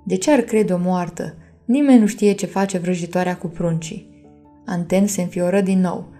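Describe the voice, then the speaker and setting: A woman narrates a bedtime story in a gentle, mellow voice with a dark tone. She reads steadily, speaking warmly to her listeners. Faint music plays behind her. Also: on the low side. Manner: gentle, addresses listeners as dears.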